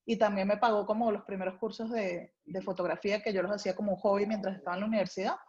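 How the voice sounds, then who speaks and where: Very fast but steady, her mid-range voice a little mellow, a young adult food writer from Venezuela shares stories about her life as an interview guest. She has a Venezuelan Spanish accent, the chat is casual, and the audio sounds dull.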